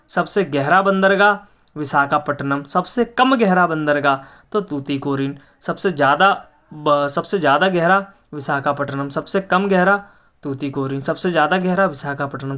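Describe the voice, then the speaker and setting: A man's voice: fairly high pitch, fairly bright tone. Man drilling quiz answers as a teacher. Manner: repeats questions and answers them himself, drilling facts; frequent hesitation fillers. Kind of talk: exam-prep geography lesson.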